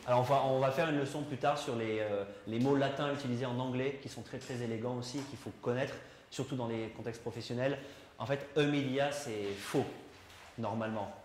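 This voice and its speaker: A man teaches an English class in a chatty way, explaining points and putting questions to his students. His mid-range voice is steady and a little fast. The classroom lesson is recorded with roomy echo and faint noise.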